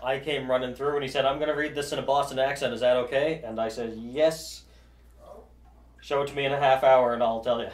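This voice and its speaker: A man in his twenties co-hosting a talk about his comedy web series, chiming in with quick casual remarks. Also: medium pitch, fairly even intonation. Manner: quick interjections, chimes in. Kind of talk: casual chat. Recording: echoey room.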